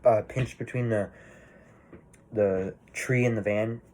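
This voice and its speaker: Male movie reviewer, low voice, casual rambling delivery, swears often. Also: fairly even intonation, takes it slowly, darkish tone, a little hiss or hum. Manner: rambling, swears freely, many fillers and restarts.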